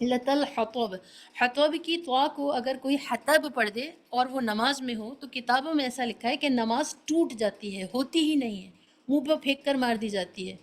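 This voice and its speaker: A woman's voice: high-pitched, rough recording. A woman teaching a beginners' tajweed class, patiently explaining letter sounds and mixing in English terms. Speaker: Quran recitation teacher.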